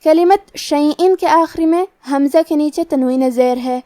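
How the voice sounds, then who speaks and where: A woman teaching Quran recitation rules, explaining each letter step by step in a methodical, measured way. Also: high voice, dark tone, no echo, studio quality. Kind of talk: tajweed lesson, explaining rules then reciting slowly.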